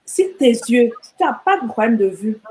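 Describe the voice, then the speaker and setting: Her voice is a little high and sing-song, darkish in tone and moderate in speed. She's a middle-aged Rwandan entrepreneur chatting animatedly as an interview guest, often looping back over words as she restarts what she's saying.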